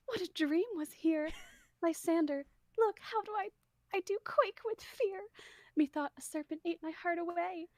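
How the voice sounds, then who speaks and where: A woman voicing a frightened young woman frantically calling for her lost love. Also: no echo. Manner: frantic, high and breathless. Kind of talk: unscripted comedic read-aloud.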